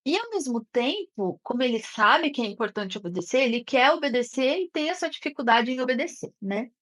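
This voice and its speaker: A woman's voice: high-pitched, lively intonation, a little fast, a bit bright. A woman teaching an online class in a conversational way, often checking in with her listeners. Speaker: therapist teaching an online course. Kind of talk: live online class talk.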